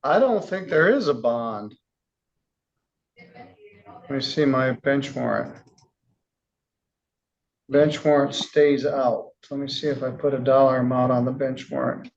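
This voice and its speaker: A man speaking as a judge to a defendant in court, calm but turning angry as he sternly scolds. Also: mid-range voice, takes it slowly, vocal fry, long pauses, lo-fi sound.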